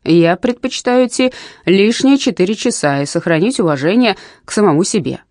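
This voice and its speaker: A woman's voice: medium pitch, expressive, brisk, darkish tone, dry recording, studio quality, pitched above the performer's own voice, natural voice. A woman reading aloud, voicing a stern, principled middle-aged male schoolteacher who moralizes.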